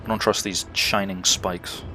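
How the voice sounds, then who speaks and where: A man's voice: low voice, flat delivery, measured pace, over music. Joking Welsh man streaming a game. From Wales. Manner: joking, chatty, swears freely, reads chat aloud. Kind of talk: casual gameplay chat.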